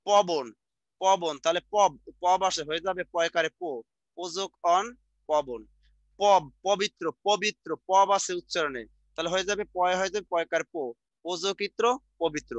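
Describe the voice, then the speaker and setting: A middle-aged man teaching an exam-prep grammar lesson, repeating sounds slowly and quizzing the class. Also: sits high, no echo, dull audio. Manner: repetitive, drills sounds out slowly, asks the class questions.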